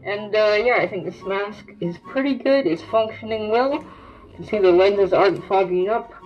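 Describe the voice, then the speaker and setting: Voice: medium pitch, normal speed, soft background music. Casual voice muffled through a gas mask. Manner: informal, loosely explaining as they go. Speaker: gas mask collector reviewing gear. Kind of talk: casual show-and-tell review.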